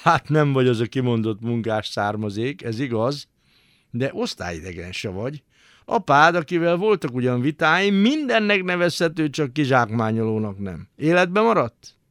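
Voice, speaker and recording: A man voicing a brash, cocky young male survivor who talks roughly and teasingly, in a literary radio reading. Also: medium pitch, big pitch swings, fairly bright tone, no echo, studio quality. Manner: rough, teasing, swears casually.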